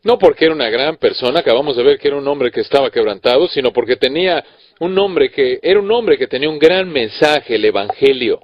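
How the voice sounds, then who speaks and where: A man's voice: mid-range voice, lively intonation, brisk, no echo. A man delivers a sermon to fellow pastors with earnest emphasis, driving his points home through pointed rhetorical questions. He often restarts a phrase to correct himself mid-thought. The recording sounds dry and slightly dull, with little room in it. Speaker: preacher.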